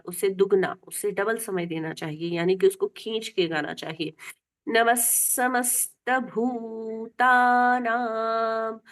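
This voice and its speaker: A woman teaching the chanting of a Sanskrit hymn, singing each line slowly and then explaining pronunciation patiently. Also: mid-range voice. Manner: drawn-out, deliberate chanting with repetition. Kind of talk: slow chanting lesson.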